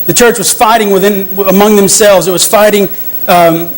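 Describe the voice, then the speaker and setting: A man's voice: high-pitched, steady tone, moderate pace, low-quality recording. A man preaching a sermon to a congregation, earnest, often restarting and repeating phrases, sometimes asking the listeners questions.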